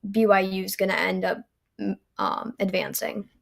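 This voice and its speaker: A young woman talks sports in an easygoing podcast chat. Her voice sits in a flat, narrow pitch band with a gravelly fry underneath. She keeps it loose, dropping plenty of ums and you knows. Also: moderate pace. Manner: relaxed, frequent "um" and "you know". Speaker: guest volleyball analyst.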